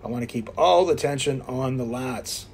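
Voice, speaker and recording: A man in his fifties from Quebec, Canada, works out in an indoor gym as a fitness vlogger, chatting casually and coaching viewers in a blunt, self-mocking way. His mid-range voice is gravelly and darkish, delivered at normal speed, with slight background noise.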